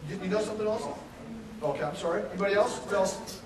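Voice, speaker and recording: This fast-talking Texan with a high voice heads an aquarium and addresses a crowd in a relaxed, humorous way, regularly asking the audience questions. The setting is a large indoor room with an audience, and the recording is echoey, with a distant mic.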